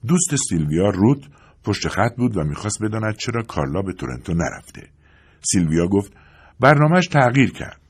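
A man narrating a literary audiobook in a calm, even storytelling manner. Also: deep voice, slightly rough.

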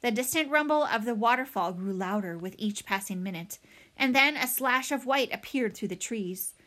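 Woman, storybook reader, dramatic, expressive, fairly high voice. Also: normal speed. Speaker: audiobook reader. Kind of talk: storybook read-aloud.

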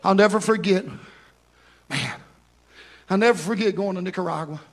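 Pastor, male, very high voice, fervent sermon delivery with sung phrasing. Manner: impassioned preaching with sung, drawn-out phrases; repeats words when telling stories. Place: church.

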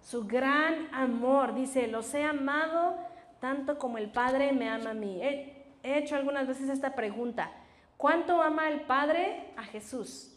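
A woman's voice: high-pitched, unhurried. A woman giving a Bible teaching talk, often asking her listeners questions and answering them herself, with a frequent "ajá". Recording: roomy echo.

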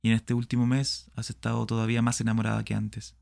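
A man voicing a middle-aged husband in a storybook reading, who moves from quiet scheming to alarmed shouting. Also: medium pitch, monotone, fast talker, gravelly, no echo, studio quality, natural voice. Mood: tender.

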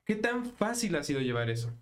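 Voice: mid-range voice, sing-song, a little fast, a little hiss or hum. A podcast host asking winding, thoughtful questions in a casual interview, often rephrasing mid-sentence.

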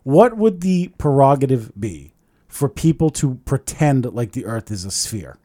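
A man's voice: medium pitch, very animated, unhurried, dark tone. A man in casual chat, ranting in exasperation, swearing and saying "like" often.

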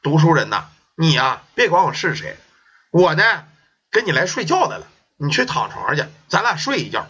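A man's voice: a little high, very animated, moderate pace, pushed and bright, slightly rough, heavily acted. Sly ghost girl voiced by a man, coaxing, dull lo-fi recording.

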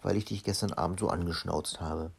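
A man reading as a gruff bearded robber giant. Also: sits low, steady tone, fairly quick, pitched below the performer's own voice, heavily acted. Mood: pleased.

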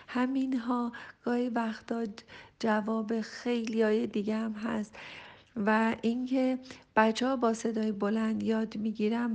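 Older woman, gravelly voice, emotive advisor. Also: on the high side. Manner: emotive, acts out a joyful mother speaking to her son. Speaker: parenting advisor. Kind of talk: casual advice talk to parents.

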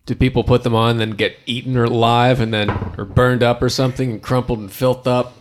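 A man's voice: medium pitch, level tone, fairly quick. A man with a mid-range voice plays in a casual tabletop session. He thinks aloud eagerly, tossing out guesses in a loose, conversational way. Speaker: player.

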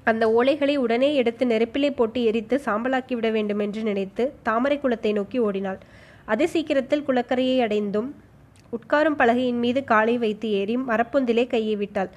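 A woman reading a historical novel aloud in an expressive, dramatic storytelling manner. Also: on the high side, moderate pace. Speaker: audiobook narrator.

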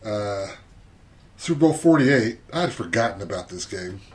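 A man co-hosting a casual sports podcast, relaxed and hesitant with many filler sounds as he runs through a list. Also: on the low side, moderate pace. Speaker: podcast co-host.

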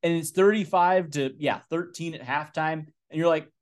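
His voice sits a little high, and he talks at a moderate speed. He's a young college football podcast co-host in a casual, animated sports conversation, full of fillers and false starts.

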